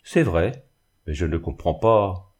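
A man's voice: low-pitched, lively intonation, slow pace, full character voice. A man reading the lines of a proud, frightened young woman in an audiobook. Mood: distressed. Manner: trembling, indignant.

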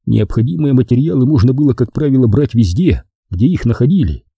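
A man narrating a wartime memoir as an audiobook, telling the story in a measured way. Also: mid-range voice, vocal fry, slightly rough, dry recording, highs cut off. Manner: measured storytelling with lively intonation.

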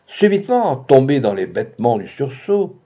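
A man giving a dramatic reading of a literary story, expressive, with sudden loud bursts. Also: medium pitch, normal speed, slightly rough, dull audio.

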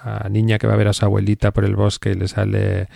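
Gravelly-voiced radio host. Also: male voice, on the low side, monotone, quick pace, mellow, no echo, studio quality. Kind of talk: casual radio chat.

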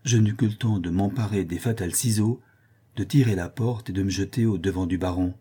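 Brief: male audiobook reader, low husky voice, steady expressive first-person narration. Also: fairly quick.

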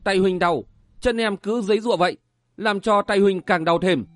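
A man's voice: high voice, normal speed, dry recording, natural voice. A man voicing a tender, stubborn young swordsman in a martial-arts romance audiobook, talking in an earnest, soothing way. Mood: teasing.

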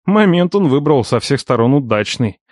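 A man reading a first-person audiobook with an ironic, expressive storytelling manner. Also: medium pitch, normal speed, no echo, studio quality. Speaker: audiobook narrator.

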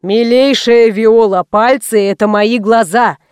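A woman reading an audiobook voices a fussy, ceremonious old male obstetrician who speaks slowly and formally. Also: a little high, fairly even intonation, darkish tone, smooth, dry recording, close to an everyday voice. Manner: slow, formal and courtly.

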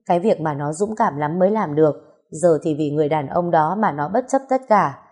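Low, mellow woman storyteller. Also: a little fast, husky. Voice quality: calm, reflective. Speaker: narrator. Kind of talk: audiobook story narration.

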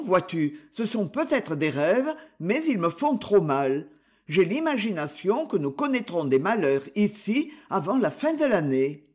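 A man reading aloud voices a timid young husband, earnest and fearful, in a storybook. He speaks slowly and carefully, with a high, lively pitch. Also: exaggerated voice. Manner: earnest, hesitant.

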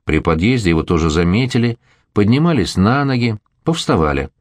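A man narrating a novel as an audiobook in a measured storytelling manner. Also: on the low side, very animated, no echo.

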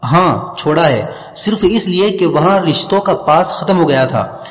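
A man's voice: a little high, lively intonation, natural voice. A man voicing a troubled, lovesick young husband who speaks in a hesitant way. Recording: dull lo-fi with long reverb.

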